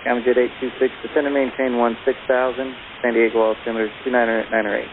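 A man's voice: mid-range voice, level tone, quick pace. A man working as an air traffic controller, giving clipped instructions over a crackly radio. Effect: crackly aviation radio transmission. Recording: narrow-band crackly radio with hiss.

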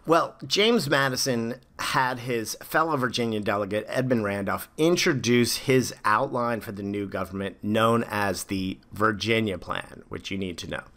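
A male teacher delivers a scripted lecture voice-over with a bright, forceful tone. He explains clearly and steadily, now and then turning to the students with a direct aside. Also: on the low side, normal speed, few pauses.

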